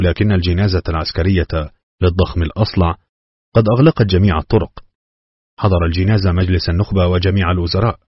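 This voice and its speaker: A man reads a novel aloud in a steady, solemn way. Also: sits low, husky, no room sound. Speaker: audiobook reader. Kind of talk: novel narration. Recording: dull, dry lo-fi recording.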